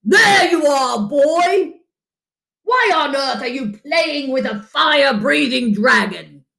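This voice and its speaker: A blustering storybook knight and father acted out by a woman, scornful and haughty. The voice is high, loud and declamatory, swinging with mockery. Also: expressive, slow, gravelly, exaggerated voice. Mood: scolding.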